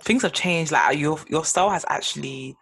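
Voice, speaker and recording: Very raspy young woman. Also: sits low, normal speed, a bit bright. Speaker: podcast co-host. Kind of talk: casual conversational podcast chat.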